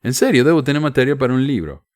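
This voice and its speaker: A man's voice: medium pitch, very animated, fast. A man with a Cordoban Argentine accent hosting a podcast, reading listener mail aloud and adding sarcastic, wry asides. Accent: Cordoban Argentine Spanish. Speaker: podcast host.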